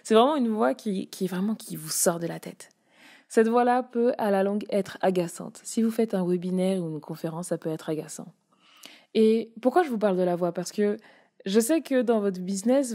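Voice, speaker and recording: A woman's voice: mid-range voice, mellow. A young woman giving a casual spoken lesson on voice, demonstrating chest, mask and head voice as she explains. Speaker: voice and public speaking coach.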